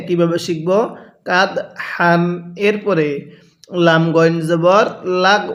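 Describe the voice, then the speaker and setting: A man with a high voice leads a Quran reading lesson from Bangladesh. He spells out syllables one by one and repeats them. He keeps asking his own questions and answering them. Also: fairly bright tone.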